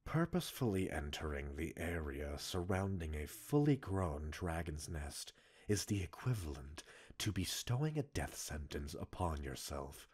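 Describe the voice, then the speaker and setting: A male actor puts on an exaggerated voice as a stern commander in scripted ASMR, coldly angry as he dresses down a subordinate. The deep, raspy tone stays formal and measured while lurching from quiet restraint to forceful stress.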